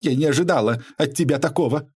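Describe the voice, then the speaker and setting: A man's voice: fairly high pitch, fast talker, darkish tone, breathy edge, voice pushed up. A man voicing an imposing, theatrical middle-aged woman who shrieks and accuses. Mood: threatening.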